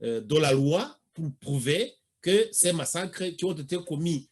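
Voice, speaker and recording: A man of Rwandan origin hosts a radio interview, cutting in politely but firmly to set the record straight. His voice is somewhat husky and sits a touch high. He speaks in a measured, deliberate way. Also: animated. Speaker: radio host.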